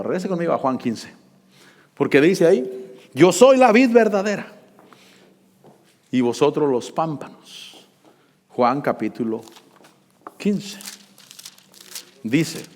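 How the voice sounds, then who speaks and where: A man preaching a sermon, calling out scripture loudly, dropping to low asides and asking the congregation to repeat after him. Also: in a large hall. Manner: fervent, swings between loud scripture reading and low asides; call-and-response with the congregation.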